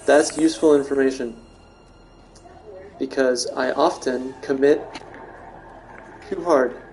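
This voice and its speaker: A man's voice: medium pitch, fairly even intonation, slow, a little mellow, faint music behind. A man streaming a video game, chatting casually and joking with his audience in a rambling way. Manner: joking, rambling, talks to chat. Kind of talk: casual live-stream chat while gaming.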